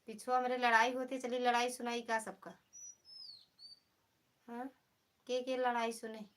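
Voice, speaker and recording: A woman's voice: on the high side, flat delivery, unhurried, slight background noise. A woman with an Awadhi accent, hosting a casual live stream and chatting teasingly with her viewers. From Pratapgarh, Uttar Pradesh.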